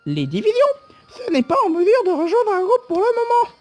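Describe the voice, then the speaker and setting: A man voicing a high-voiced young woman from a game, in a thin falsetto. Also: wildly swooping pitch, a little fast, darkish tone, soft background music, exaggerated voice. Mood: prim.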